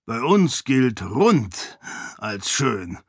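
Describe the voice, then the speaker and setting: A man voicing a portly, blunt, booming count in an audiobook, talking slowly and blusteringly. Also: sing-song, slightly rough, no echo, studio quality, heavily acted. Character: portly boisterous male count, blunt glutton. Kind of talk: audiobook character voice.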